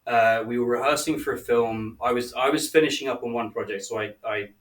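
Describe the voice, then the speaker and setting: A man's voice: mid-range voice, a little fast, distant mic, rough recording. English man telling anecdotes, set back. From England. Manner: self-deprecating anecdotal storyteller. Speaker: guest producer. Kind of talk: casual podcast chat.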